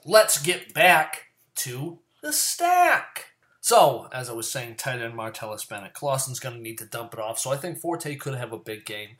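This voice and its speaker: A man giving casual solo football picks, profane and rambling, often swinging from a low mutter into loud, high-pitched rants. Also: very animated, unhurried. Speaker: fantasy football commentator.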